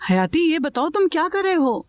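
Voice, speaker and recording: Brief: a sharp-tongued scold, high and lively, faint music behind. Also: female voice, brisk. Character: stern, moralizing woman, sharp-tongued.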